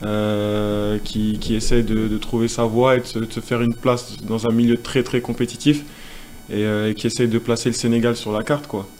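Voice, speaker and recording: A man in his twenties who grew up in Senegal, a tennis player answering interview questions in a relaxed, casual way. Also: lowish voice, normal speed, background noise. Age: 20s. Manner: relaxed, casual, many fillers.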